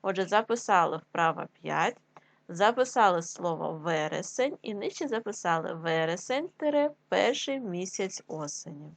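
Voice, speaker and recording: A woman's voice: fairly low pitch, lively intonation, creaky, no echo. A woman teaching a primary school class, dictating exercises and drilling word pairs, rising on each choice and dropping on the answer. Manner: slow and deliberate, with pauses for writing. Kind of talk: dictation-style lesson.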